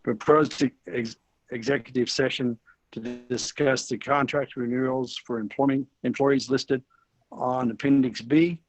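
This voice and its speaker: A man's voice: mid-range voice, steady tone, unhurried, dry recording, low-quality recording. A man with an Arkansas drawl running formal procedure as chair of an online board meeting.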